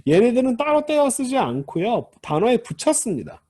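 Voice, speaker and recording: A man's voice: very high voice, very animated, normal speed, mellow. A man teaching a grammar lesson in a recorded lecture, patiently explaining each term and repeating key words as he moves from point to point.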